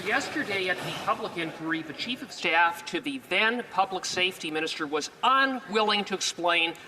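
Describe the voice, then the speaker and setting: A man's voice: high-pitched, animated, normal speed. A Canadian man putting a formal, accusatory prepared question as an opposition member of parliament. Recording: reverberant chamber, faint noise.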